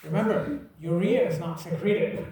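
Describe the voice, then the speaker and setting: A man's voice: high voice, animated, normal speed, mellow. A man lecturing a class in an emphatic, teasing way, repeating key points and checking that students follow. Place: lecture room. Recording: echoey room from far off.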